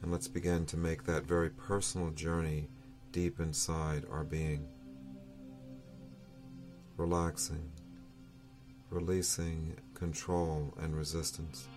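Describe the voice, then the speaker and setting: Leading a breathing meditation, this very low-voiced teacher keeps a level tone and an extremely slow, soothing delivery. Short phrases are spaced by long, relaxed pauses while faint music plays in the background.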